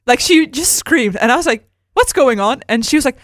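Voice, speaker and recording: A woman hosting a podcast in casual chat, telling stories with lively acted-out quotes. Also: sits high, quick pace, dry recording, clean studio sound. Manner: animated storytelling, acts out quotes with laughs. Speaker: podcast host. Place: studio.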